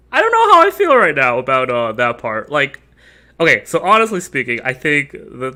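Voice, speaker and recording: Animated young man streaming a game. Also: fairly high pitch. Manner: rambling, joking, mumbles between louder bursts. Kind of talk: casual gameplay commentary. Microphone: desk mic. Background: faint game music.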